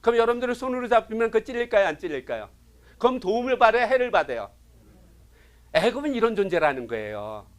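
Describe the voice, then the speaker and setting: A middle-aged man with a high-pitched voice teaches a Bible lecture. He tells the history like a story, asks his listeners questions and briefly acts out what the kings say. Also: sing-song. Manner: acts out kings' lines in quick paraphrase.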